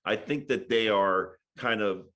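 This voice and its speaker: Low-voiced man from Hawaii, podcast guest, musing, filler-heavy chat. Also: a little slow, fairly bright tone. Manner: thoughtful, many fillers and restarts. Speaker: podcast guest, sports broadcaster. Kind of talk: casual interview chat.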